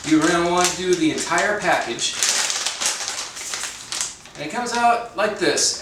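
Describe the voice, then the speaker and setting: A man hosting his own cooking channel from his home kitchen, talking casually with dry, self-deprecating jokes and chatty asides. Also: high voice. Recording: very echoey room, mic at a distance, faint noise.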